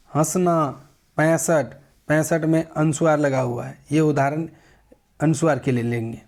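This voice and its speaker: A man's voice: fairly high pitch, darkish tone. A male teacher giving a Hindi grammar lesson, explaining step by step and asking the class questions.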